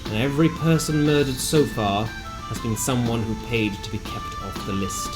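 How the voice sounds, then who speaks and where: A narrator with a mid-range voice reads a scripted recap of a tabletop fantasy game at a moderate pace, telling it theatrically with wry asides. Music plays in the background, and the audio is poor.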